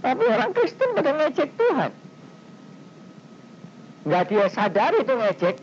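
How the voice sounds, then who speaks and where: Animated male pastor, lo-fi old recording. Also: normal speed, vocal fry. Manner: animated, conversational preaching with sudden pitch leaps. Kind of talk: sermon. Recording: dull, slightly noisy 1990s recording.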